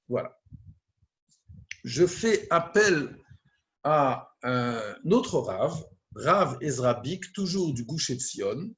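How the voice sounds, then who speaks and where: A rabbi with a medium-pitched voice teaches a prayer text slowly and deliberately. He reads Hebrew phrases aloud and translates each one in turn.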